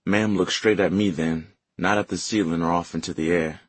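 A man narrating a novel in first person with a measured, lyrical reading, on a close mic. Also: deep voice, steady tone, breathy edge, no echo. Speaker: audiobook narrator. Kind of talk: scripted narration.

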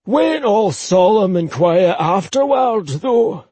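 A man voicing an older Scottish uncle, gossipy and indignant, in a high, sing-song way. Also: lively intonation, takes it slowly, mellow, breathy edge, no echo, exaggerated voice.

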